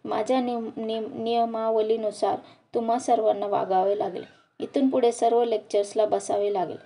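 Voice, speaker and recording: Woman doing a strict professor lady, harsh and scornful, dark mellow tone. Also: on the high side, flat delivery, normal speed, lightly acted. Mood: stern scolding. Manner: stern, contemptuous scolding. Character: strict scolding female college professor.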